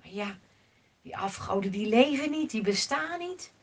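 A woman telling a children's Bible story in an expressive, dramatic way, moving between hushed and loud. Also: fairly high pitch, normal speed.

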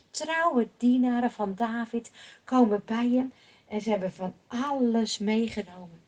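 Breathy, slow-paced woman storyteller. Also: medium pitch. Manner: expressive, emphatic, drops to hushed tones. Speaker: Bible storyteller. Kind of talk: children's Bible storytelling.

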